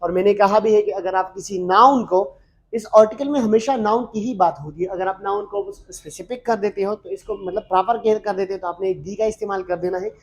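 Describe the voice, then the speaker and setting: Male tutor, higher-pitched voice, patient step-by-step explainer who loops back and repeats. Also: lively intonation, a little fast, dull audio. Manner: explains step by step, repeats words and restarts, often says "matlab". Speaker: English teacher. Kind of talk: recorded lesson explaining grammar.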